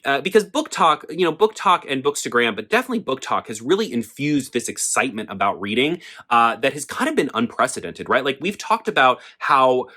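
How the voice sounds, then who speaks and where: Sassy, animated young man ranting. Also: mid-range voice. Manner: sassy, animated, talks fast with lots of "like" and rhetorical questions. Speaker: book vlogger. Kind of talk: opinionated casual vlog rant.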